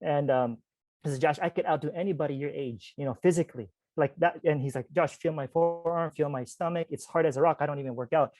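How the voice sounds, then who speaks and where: Chatty forty-year-old man, slightly high voice. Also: fast talker, no echo, faint music behind. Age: 40s. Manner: chatty, animated, many "like" and "you guys" asides. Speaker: podcast guest, spiritual teacher. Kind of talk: casual storytelling.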